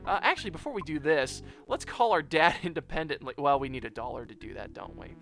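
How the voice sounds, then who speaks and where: A man hosts a let's play in a fairly high voice with lively, swinging intonation. He rambles casually to viewers over faint background music. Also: quick pace, vocal fry. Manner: rambling, chatty, addresses viewers as guys. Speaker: gameplay video host.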